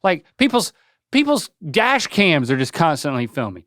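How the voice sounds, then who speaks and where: A man's voice: on the high side, sing-song, moderate pace, a bit bright, dry recording, studio quality. A man chatting casually as a co-host in a conversational, wry way. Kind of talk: casual chat.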